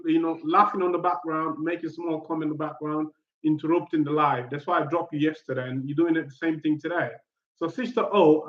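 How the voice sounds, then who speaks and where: Guy hosting a live stream, kinda high voice, stops and restarts a lot, echoey muffled audio. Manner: halting, repeats words and fillers. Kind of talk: casual live panel chat.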